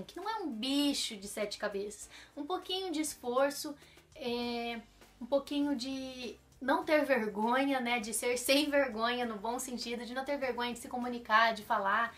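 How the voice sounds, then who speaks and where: A woman's voice: sits high, a bit bright. A young Brazilian woman with a Brazilian Portuguese accent, speaking in a casual advice vlog in an earnest, encouraging way and often checking in with the listener. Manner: earnest, encouraging, tags sentences with questions. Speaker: vlogger.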